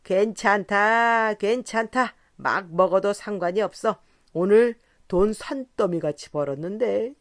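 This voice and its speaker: A woman voicing a rowdy, drunken middle-aged rickshaw puller in an audiobook, shouting and cursing with slurred speech. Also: mid-range voice, unhurried, no echo, clean studio sound, pitched above the performer's own voice, natural voice. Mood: drunken bellowing. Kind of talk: audiobook character voice.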